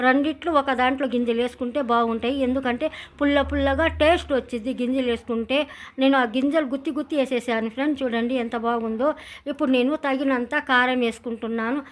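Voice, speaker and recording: Fast chatty woman cooking. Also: high voice. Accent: Telugu village speech. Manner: chatty, rambling storytelling with many restarts. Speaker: cooking channel host. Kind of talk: casual cooking vlog narration.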